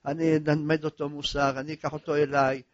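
A man's voice: fairly high pitch, level tone, no echo, voice pushed down, natural voice. A pleading queen, as a preacher puts her on. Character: grieving queen pleading for her only son. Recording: dull lo-fi recording.

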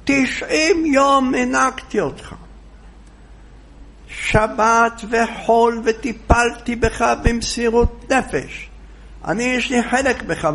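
A man voicing an insistent elderly woman who shouts, scolds and pleads. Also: extremely high pitch, gravelly, pitched above the performer's own voice, exaggerated voice. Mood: demanding.

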